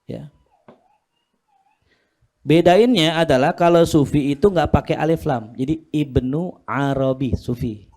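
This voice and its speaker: Man, religious teacher, casual lesson, teasing, mellow voice. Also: a little high, measured pace, pauses often. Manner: casual, jokey, teasing his students. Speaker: Islamic teacher.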